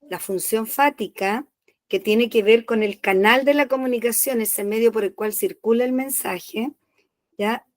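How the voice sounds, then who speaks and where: A woman's voice: on the high side, measured pace, no room sound. A woman teacher, patiently explaining a lesson in an online class and checking in often. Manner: explains patiently, checks in with "¿ya?" after each point.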